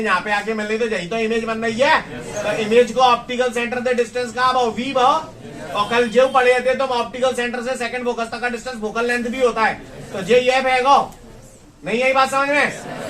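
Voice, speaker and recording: A man teaching a physics class who dictates slowly and keeps asking if it is clear. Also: extremely high pitch, a bit bright, distant mic. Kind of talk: classroom lecture.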